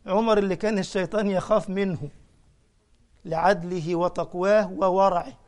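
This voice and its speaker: Egyptian sheikh man preaching, pretty high voice, lively storyteller, keeps asking the crowd stuff. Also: normal speed. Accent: Egyptian Arabic. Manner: animated storytelling with questions to the listeners. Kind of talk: sermon.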